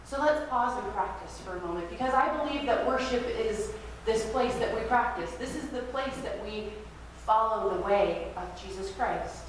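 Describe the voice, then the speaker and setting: A woman pastor preaching a sermon at a pulpit microphone in a church sanctuary, in a gentle, reflective way that invites listeners to practice. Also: on the high side, expressive, normal speed, few pauses. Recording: very echoey church hall, distant mic, faint hiss.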